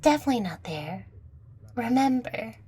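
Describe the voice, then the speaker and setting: A woman takes on a full character voice as a young catgirl girlfriend in an audio roleplay, teasing, coy, playful, and affectionate, speaking breathily right up close to the listener. Her voice is fairly high and very animated, at normal speed with a dark tone.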